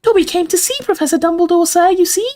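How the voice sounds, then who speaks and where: Here a woman voices a servile, keen little male house elf in a storybook, squeaking shrilly, mangling grammar, and calling himself by name in the third person. She talks fast in a mellow tone, and the elf comes across as cheerful and polite.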